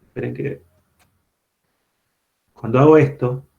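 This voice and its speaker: Over dull, lo-fi video-call audio from a computer mic, a male lecturer teaches university programming online step by step, frequently making sure students keep up. He speaks slowly in a warm, mid-range voice with vocal fry and fairly even intonation.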